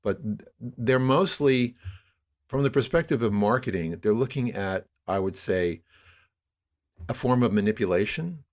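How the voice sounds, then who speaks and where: This interview guest, a New York–area American media producer in his sixties, has a mid-range voice with lively intonation and a slightly slow pace. He speaks in a reflective, discursive way throughout the conversation.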